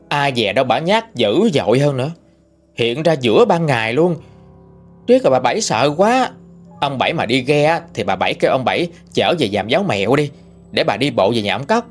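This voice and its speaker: A male storyteller narrates a ghost story in a chatty, colloquial way. His mid-pitched voice rises and falls with lively swings. Faint music plays quietly underneath.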